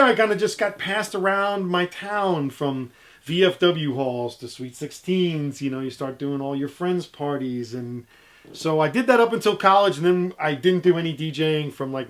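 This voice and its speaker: A middle-aged man, a DJ who makes music history videos, chats casually as an interview guest, telling jokey, self-deprecating stories. His voice is on the high side and his speed is normal.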